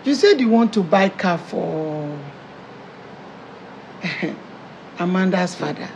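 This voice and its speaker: A performer playing a pushy, preachy Nigerian mother of the bride with a gravelly, emphatic voice, in a comedy skit. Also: medium pitch, expressive, slow pace, a little mellow, lo-fi sound, slight background noise. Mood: indignant. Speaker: mother-in-law character.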